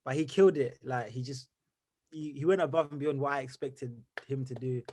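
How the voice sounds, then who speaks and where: A young Zimbabwean musician, a guest in an interview, gives casual answers in an energetic, rambling way, linking thoughts with lots of fillers. His voice is middle-pitched, brisk and mellow, with slight background noise.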